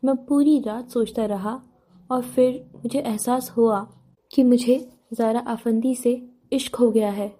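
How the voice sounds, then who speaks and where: A calm young man speaks softly and evenly about his feelings, voiced by a woman reading an audiobook. The tone is dark and mellow, sitting a little high. The story is a romance novel read aloud. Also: lightly acted. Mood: calm tender. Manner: calm, soft-spoken lines.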